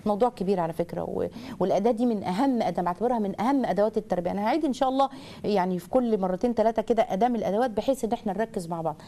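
A woman with an Egyptian accent rattles off parenting advice at a very fast pace. She talks animatedly and slips into the voices of children and parents to show what they say. Her pitch sits in the middle range. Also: dark tone. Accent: Egyptian Arabic. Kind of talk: lively advice talk to viewers.

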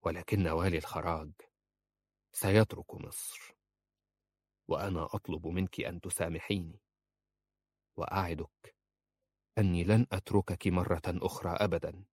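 A man voicing a tender, lovesick grown man who speaks in a soft, intimate murmur. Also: low-pitched, steady tone, moderate pace, pauses often, no echo.

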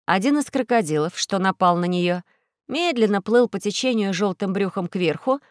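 A woman narrating a children's audiobook in a steady, clear storytelling voice. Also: mid-range voice, moderate pace, no echo, clean studio sound.

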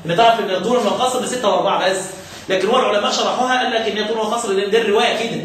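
Egyptian man, high-pitched, teaching, quizzing students, echoey hall, distant mic. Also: steady tone, fairly bright tone. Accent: Egyptian Arabic. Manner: asks students questions and repeats key terms slowly. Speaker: Quran recitation teacher. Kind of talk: explanatory lesson to students. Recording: echoey room, distant mic, faint noise.

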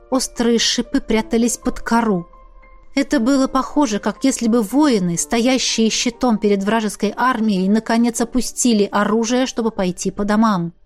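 A woman reading a fantasy novel aloud in first person, in an expressive, measured way. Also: fairly high pitch. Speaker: audiobook narrator. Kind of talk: scripted first-person narration.

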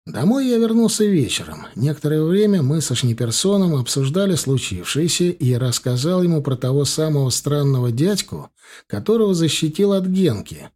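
Brief: a man narrating a first-person audiobook, cool and measured, with a lively pitch.

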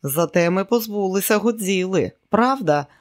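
A woman's voice: mid-range voice, expressive, moderate pace, no echo, studio quality, pitched above the performer's own voice, close to an everyday voice. A man doing a bold, insistent young woman. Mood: wry. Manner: insistent, theatrical.

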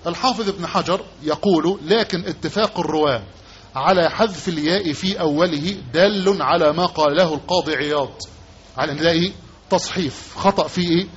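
A man's voice: on the high side, a little fast. An Egyptian sheikh teaching a religious lesson in a slightly raised voice. He repeats key words and keeps asking his listeners short questions, then answers them himself. The recording is dull and lo-fi, with a faint hiss underneath. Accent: Egyptian Arabic. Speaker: sheikh teaching hadith commentary.

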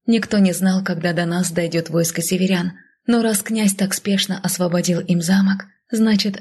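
A woman reading a first-person story aloud as an audiobook narrator, in a soft, often half-whispered way. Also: lowish voice, vocal fry, breathy edge.

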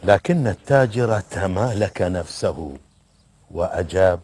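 A man narrating a folk tale in a calm, measured storytelling voice. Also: deep voice. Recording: background music.

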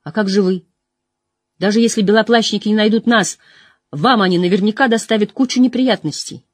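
An anxious young man who protests in a lowered voice, as an audiobook reader puts him on. The pitch sits a little above the reader's own. The recording is dry. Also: fairly quick, no room sound, natural voice. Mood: worried. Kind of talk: audiobook reading.

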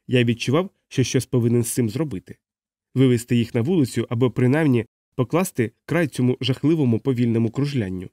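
A man reading a novel aloud as first-person audiobook narration, in a steady, measured way. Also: medium pitch, no echo, clean studio sound. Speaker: audiobook reader.

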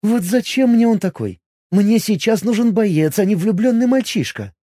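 A man voicing a haughty high-elf rogue woman. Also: lively intonation, moderate pace, warm tone, no echo. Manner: silky, condescending, turns sharply imperious.

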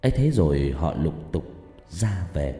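A man narrating a ghost story in an expressive, dramatic way, recorded in an echoey room. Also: rumbling low, moderate pace, soft background music. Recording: echoey room with long reverb.

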